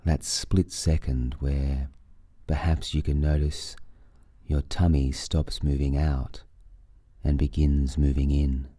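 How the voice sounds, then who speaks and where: A man leading a guided breathing meditation, giving soothing, unhurried instructions with long pauses between phrases. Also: rumbling low, flat delivery, dark tone, dry recording.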